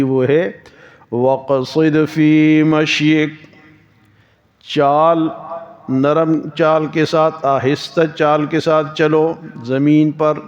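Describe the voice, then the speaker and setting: A man teaching a Quran lesson as a sermon, reciting verses slowly and then explaining them in plain speech, with Persian verse chanted in slow drawn-out lines. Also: a little high, a little mellow, dull audio.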